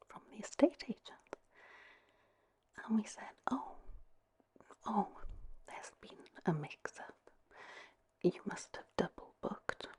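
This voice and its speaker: A woman with a Welsh accent telling a story in a gentle, breathy, unhurried ASMR whisper. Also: lowish voice. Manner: unhurried, gentle delivery with long pauses. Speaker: host telling a story to listeners.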